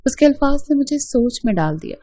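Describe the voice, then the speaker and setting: A woman telling a scripted story in the first person, in a steady and even way. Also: high-pitched, no echo.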